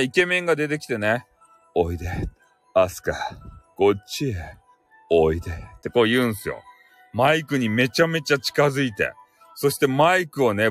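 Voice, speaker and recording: A man's voice: on the high side, a bit bright. A man with a Hakata dialect from Fukuoka, hosting a casual live audio stream alone, chatty and self-mocking and laughing often as he reads out listener comments. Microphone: close home microphone.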